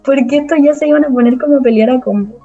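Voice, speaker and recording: A young woman with a Chilean accent, retelling a story among friends in a relaxed, halting way. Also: high voice, soft background music. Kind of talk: casual chat, retelling a story. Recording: slightly muffled recording.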